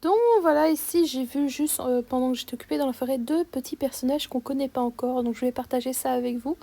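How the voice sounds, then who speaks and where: A woman's voice: high-pitched, steady tone, quick pace, creaky, mellow, faint music behind. A young woman chatting casually over her gameplay, upbeat and full of fillers and restarts. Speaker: gaming YouTuber.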